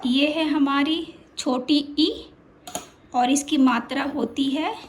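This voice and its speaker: Woman, teacher, high-pitched, slow, patient, repeats drawn-out sounds. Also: fairly even intonation, slight background noise. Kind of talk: children's lesson.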